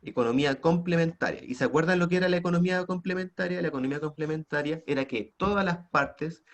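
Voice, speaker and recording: A man's voice: on the high side, quick pace. A man teaching an online class with a Chilean Spanish accent, prompting students with frequent tag questions. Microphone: computer mic on a video call.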